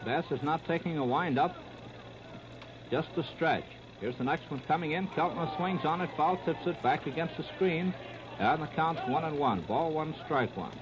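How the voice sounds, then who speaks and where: Calling a baseball game from the ballpark, an American man delivers play-by-play in clipped, terse phrases like 1930s live radio. His voice is a little high and he speaks at a normal speed. The audio is a noisy, muffled 1930s radio disc.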